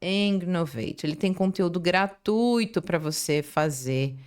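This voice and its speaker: A woman's voice: fairly low pitch, measured pace, smooth. A woman English teacher giving an online lesson, talking through a screen share, often checking in with short tag questions and restarting her sentences. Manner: lively, tag questions and frequent self-restarts.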